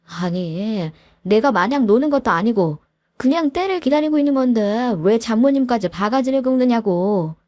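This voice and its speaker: A woman's voice: a little high, animated, moderate pace, a little mellow, dry recording, studio quality, lightly acted. A woman voicing a defensive, shiftless young husband who mumbles excuses in a storybook reading. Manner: mumbling excuses, then snapping back.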